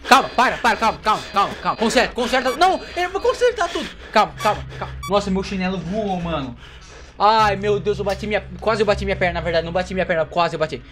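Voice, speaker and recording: A man's voice: sits high, fast talker, bright, forceful tone. A young man with a Brazilian accent doing let's play commentary of a horror game, yelping and laughing in fright while talking to his audience. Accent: Brazilian Portuguese. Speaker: gaming YouTuber. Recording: game music behind.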